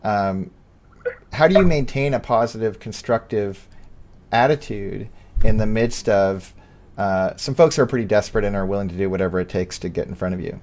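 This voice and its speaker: A man hosting an interview podcast, asking long, halting questions and searching for words with many ums. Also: fairly low pitch, darkish tone. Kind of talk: casual interview conversation.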